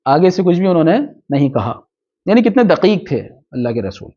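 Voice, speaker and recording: A man's voice: fairly high pitch, very animated. Man teaching a hadith lesson, dull lo-fi sound. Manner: recites Arabic slowly, then explains in quick asides with rhetorical questions. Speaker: religious teacher. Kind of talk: hadith lecture, reading Arabic text and explaining it. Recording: dull lo-fi recording.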